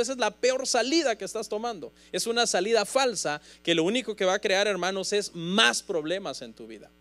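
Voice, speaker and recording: Pastor guy preaching to his church, earnest, keeps saying brother, high voice that swings all over. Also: a bit bright. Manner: earnest, emphatic, keeps calling listeners "hermano". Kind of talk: sermon. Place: church congregation.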